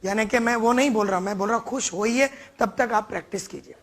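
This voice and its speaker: Emphatic sales trainer, high voice. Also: male voice, a little fast, a bit bright. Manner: emphatic, mixes Hindi and English, coaching. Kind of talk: motivational training talk.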